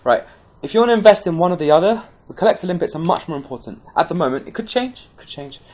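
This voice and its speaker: A man's voice: fairly high pitch, animated, fast talker, darkish tone. A man giving a casual, rambling gameplay tutorial, chatty and full of restarts. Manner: caffeinated, pepped up. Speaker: game guide presenter.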